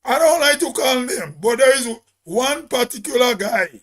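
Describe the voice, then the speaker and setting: A man's voice: very high voice, lively intonation, normal speed, a bit bright. A Grenadian man giving a spoken commentary in an emphatic, preachy way, as if on radio.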